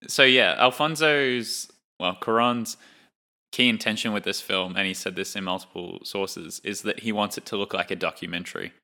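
A young man co-hosting a film podcast, talking in a relaxed, chatty way and laughing now and then. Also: fairly low pitch, normal speed. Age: young adult. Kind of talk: casual chat.

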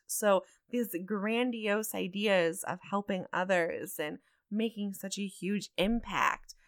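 A woman's voice: medium pitch, clear, resonant tone, dry recording, studio quality. A woman hosting a podcast, telling her own story in a candid, reflective and earnest way. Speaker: podcast host.

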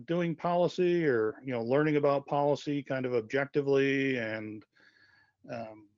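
A man's voice: medium pitch, smooth, no room sound. A man losing his voice, speaking informally as a university wireless lead on a webinar, with many fillers and self-corrections. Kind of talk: conversational webinar presentation. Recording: dull, dry lo-fi web audio.

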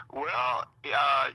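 An older man, a radio host's father, chats casually over a phone on speaker held up to the studio microphone, easygoing and halting with many fillers. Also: mid-range voice, pushed and bright, breathy edge, dry recording, poor audio. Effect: phone on speaker held up to the studio mic. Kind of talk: casual on-air phone chat.

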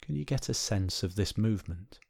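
A lowish-voiced man takes listeners through a body scan meditation with gentle, unhurried guidance and pauses between phrases. He sounds expressive and creaky, recorded very dry and close with no echo and hardly any room.

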